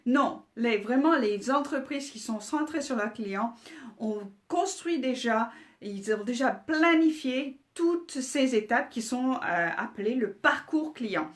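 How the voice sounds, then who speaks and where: A woman's voice: a little high, lively intonation, slow pace. A woman with a French accent hosting a casual business talk, chatty, with many hesitations and restarts. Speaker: host.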